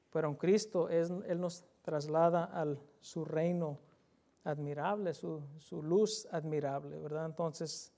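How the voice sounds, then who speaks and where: A male preacher delivers a sermon in a voice pitched well above most men's. He speaks earnestly and with emphasis, circling back over key phrases. He often turns to his listeners with direct questions. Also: darkish tone.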